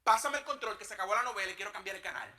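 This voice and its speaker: Comic actor as a shrill, fast-talking Dominican mother, bossy and loud. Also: animated, heavily acted. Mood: whiny. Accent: Dominican Spanish. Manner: shouting, scolding. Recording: played from an online comedy video.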